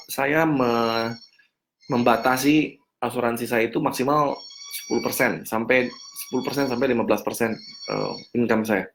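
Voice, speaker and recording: A man teaching a finance seminar as a coach, answering audience questions, repeating key points and checking understanding with quick questions. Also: mid-range voice, a little hiss or hum.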